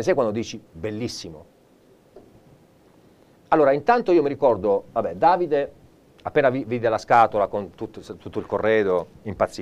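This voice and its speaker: A male presenter giving a live TV shopping pitch, theatrical and enthusiastic, turning often to an off-screen colleague. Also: a little mellow. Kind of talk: live teleshopping sales pitch.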